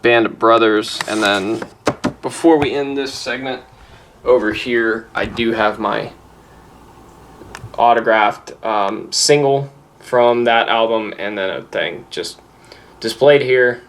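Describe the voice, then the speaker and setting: Bright-voiced man chatting slowly. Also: lowish voice. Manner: rambling, offhand, swears casually. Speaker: music collector vlogger. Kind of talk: casual chat listing albums. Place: room at home, close to a wall.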